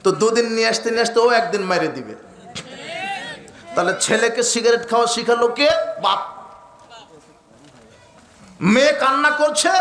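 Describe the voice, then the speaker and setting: A man preaching a sermon, fiery and declamatory, building emphatic repeated lists and rising to shouts. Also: high voice, reverberant. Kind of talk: Bengali waz sermon.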